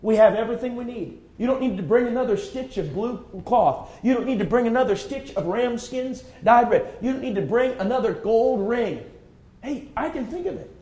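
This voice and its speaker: A man's voice: extremely high pitch, lively intonation, moderate pace, warm tone. A man in his forties preaching a fervent, emphatic sermon full of repetition. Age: 40s.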